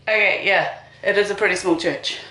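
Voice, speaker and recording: A woman's voice: medium pitch, moderate pace, pushed and bright, a little hiss or hum, low-quality recording. A woman in her thirties with a New Zealand accent, narrating a casual travel vlog outdoors while cycling, chatty and upbeat. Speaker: vlogger, mother on a family bike trip. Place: outdoors on country roads and trails.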